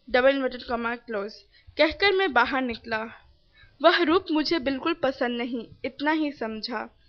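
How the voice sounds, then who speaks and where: Woman reading a hindi novel out loud, high voice, kinda dull lo-fi sound, says the punctuation out loud too. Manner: reads punctuation marks aloud. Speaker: reader. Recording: dull lo-fi recording.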